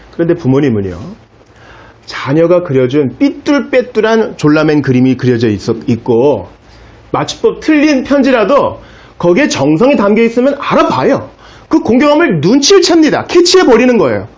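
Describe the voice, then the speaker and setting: A man in his thirties, a pastor giving a sermon with lively rising and falling emphasis, dropping his voice low when quoting God. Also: muffled recording.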